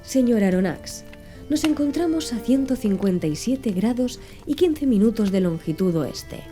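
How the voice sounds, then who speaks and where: A woman voicing a cool, courteous male submarine captain, speaking in a formal, precise way and pitched a little higher than her own narration, with a very dark, mellow tone and soft music underneath. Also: animated, measured pace. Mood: composed, formal.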